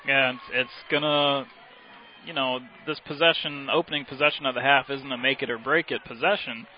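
A man's voice: mid-range voice, fairly even intonation, fairly quick. American color commentator man over background noise. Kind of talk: unscripted sports analysis. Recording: dull broadcast with clear outdoor noise.

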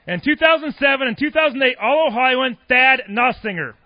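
A man's voice: very high voice, expressive, brisk, dry recording. An American man formally announcing honorees at a ceremony, reading out years and names. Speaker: public address ceremony announcer. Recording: dull, lo-fi announcement sound.

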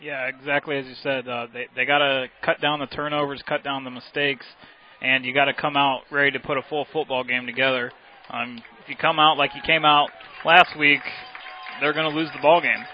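An American man giving unscripted football analysis as color commentator, halting with many fillers. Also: mid-range voice, level tone. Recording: dull broadcast with clear outdoor noise.

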